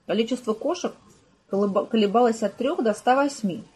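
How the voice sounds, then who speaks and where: Woman narrating with a mellow, husky voice. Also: on the high side, fairly quick, rough recording. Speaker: audiobook narrator. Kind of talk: scripted narration.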